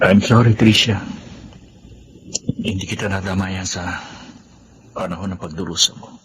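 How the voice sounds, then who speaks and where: A man playing a guilty, apologetic young boyfriend who speaks haltingly in a radio drama. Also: low voice, steady tone. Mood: guilty, hesitant. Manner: hesitant, halting. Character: guilty, apologetic boyfriend pleading with his betrayed sweetheart. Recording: dull sound with faint noise.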